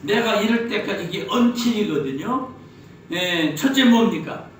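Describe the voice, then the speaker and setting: A pastor from Chungcheong, Korea delivers a sermon in a high, animated, slightly slow voice, spinning jokey stories and tossing out rhetorical questions. He sounds distant in a very echoey hall, with faint noise in the background.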